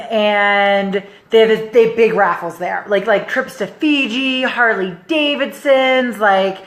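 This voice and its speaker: Chatty young woman, echoey room. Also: mid-range voice. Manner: animated, chatty, acts out others' voices. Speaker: life coach. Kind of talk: casual storytelling to camera.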